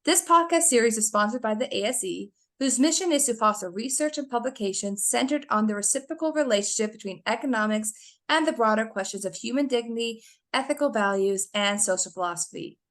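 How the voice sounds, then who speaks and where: A woman's voice: fairly high pitch, fairly quick, a bit bright. A woman hosting an academic podcast, reading a formal introduction and asking interview questions. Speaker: podcast host.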